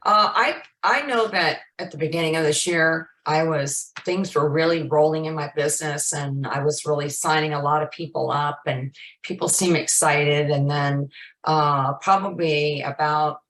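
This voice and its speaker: A woman with a lowish voice speaks haltingly, pausing and restarting often. Her voice bounces around an echoey room. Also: a bit bright. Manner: hesitant, halting. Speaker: group member. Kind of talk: casual group call.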